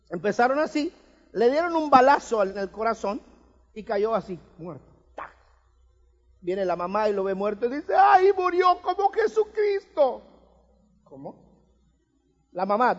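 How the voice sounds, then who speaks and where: Male preacher with a very high voice, emphatic and humorous, in an echoing church hall. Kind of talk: sermon. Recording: reverberant hall, dull lo-fi sound.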